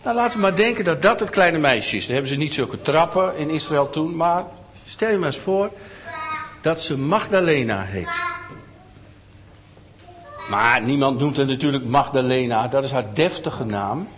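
A middle-aged man telling a story to young children, his voice animated and full of pitch swings. He speaks fairly high for a man and keeps asking his listeners questions, with a faint hiss behind him. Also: moderate pace, long reverb tail.

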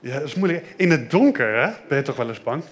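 A middle-aged man leading a children's church service, lively, asking the kids questions. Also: medium pitch, fast.

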